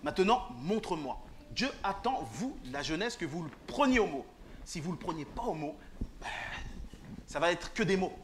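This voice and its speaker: A man's voice: high voice, very animated, normal speed, noisy background. A man giving an informal sermon in church, joking, teasing and quizzing the young people in the pews. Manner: joking, teasing, questions the audience. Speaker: lay preacher. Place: church hall.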